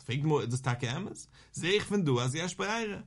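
A man giving a Talmud lesson, reading the source aloud and explaining it line by line, slowing into a sing-song when he quotes a verse. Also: fairly high pitch, lively intonation. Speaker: Talmud teacher.

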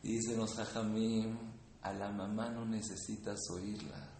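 A man's voice: lowish voice, little pitch movement, a little slow. Guy giving a torah class, tells stories, repeats words to hammer them home, echoey room w faint hum behind. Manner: emphatic, repeats words for effect, loudness swings. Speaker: rabbi teaching a class. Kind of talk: Torah lesson with storytelling. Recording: roomy echo with faint ambience.

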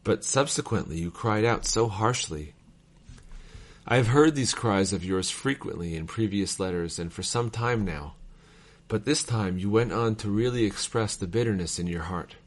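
A man reading old letters aloud in a measured, formal cadence, as a reader of devotional texts. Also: fairly low pitch.

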